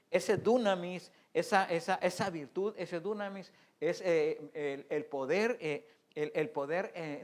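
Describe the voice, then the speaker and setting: A man preaching a sermon in earnest, with a voice sitting a little higher than most men's. He often restarts his sentences and stumbles over words as he goes. He speaks as the pastor at an online church service.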